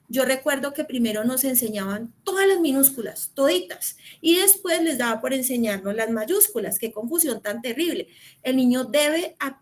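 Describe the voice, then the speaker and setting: A woman from Colombia with a Colombian accent, giving an earnest teacher training talk and addressing teachers directly. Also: high-pitched.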